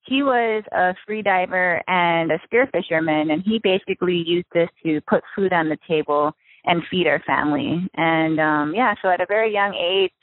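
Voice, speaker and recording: A young woman from Hawaii, a freediving spearfisher, talking casually as an interview guest with many ums and soft laughs. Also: on the low side, moderate pace, no room sound. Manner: relaxed, chatty with frequent ums and soft laughs. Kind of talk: casual interview over the phone. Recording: tinny phone line, dry.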